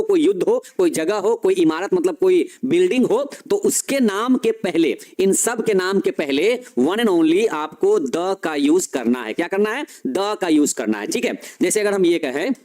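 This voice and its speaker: A man's voice: sits high, a little mellow. A man teaching a grammar lesson for board exams in speech, explaining patiently and checking in with his students after every example.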